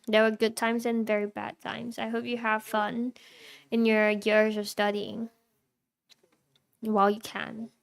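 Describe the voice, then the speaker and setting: A young woman streaming live, chatting casually with her viewers, reacting and laughing often while answering chat. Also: a little high.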